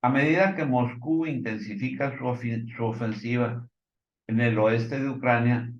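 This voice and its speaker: This informal news commentary comes from a man with a Mexican accent who partly reads from reports. He stumbles, hesitates, and leans on fillers. His pitch is medium, the recording is reverberant, and the highs are cut off.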